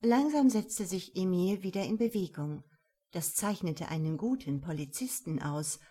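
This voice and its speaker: A woman reading a crime novel aloud, in calm, measured scripted narration. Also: lowish voice, breathy edge. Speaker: audiobook narrator.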